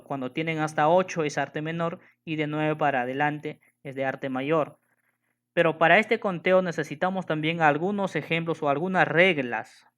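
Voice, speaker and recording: A man teaches a lesson, his voice sitting a little high and sounding smooth and clear. He repeats each rule, counts syllables out one by one and keeps checking that his students follow. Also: fairly bright tone. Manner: patient, repeats and counts syllables slowly, asks "¿de acuerdo?". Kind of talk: classroom lesson on poetry.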